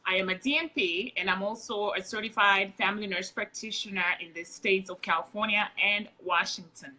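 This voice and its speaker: A woman's voice: medium pitch, brisk, pushed and bright, rough recording. A woman with a Kenyan accent, a nurse practitioner, chatting as a guest on a casual livestream interview and laughing easily.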